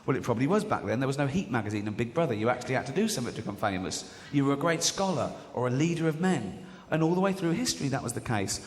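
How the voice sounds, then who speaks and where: A man's voice: medium pitch, expressive, racing, hardly any pauses. A British man doing a stand-up comedy routine in a large theatre, talking sardonically and often slipping into mocking voices. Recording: live theatre recording with long reverb and audience noise.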